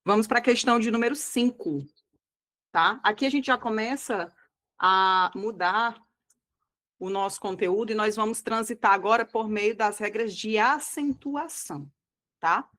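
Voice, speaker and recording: Her medium-pitched, slightly bright voice guides students through an exam-prep grammar lesson one step at a time. Speaking with a Brazilian Portuguese accent, she teaches didactically, often asking "tá?" or "tá bom?" and slowing down on key words.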